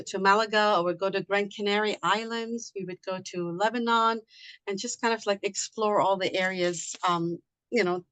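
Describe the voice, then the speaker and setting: A middle-aged Liberian woman, an immigration consultant, chats casually as an interview guest, full of fillers and restarts. Her medium-pitched voice is a bit bright, on a dry, poor-quality recording.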